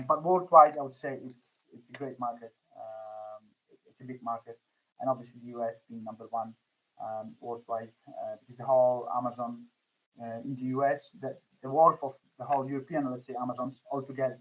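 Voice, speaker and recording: A Polish startup founder in his forties answers podcast interview questions hesitantly, with many fillers and restarts. His accent is Polish with some Scottish influence, and his mid-range voice is a bit bright, though the recording is muffled.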